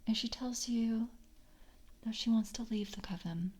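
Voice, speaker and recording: This ASMR roleplay features a woman as a polite, composed vampire coven member whose slightly high, husky voice stays soft and breathy, often a whisper. Calm and probing, she carries herself like a gentle, measured interviewer.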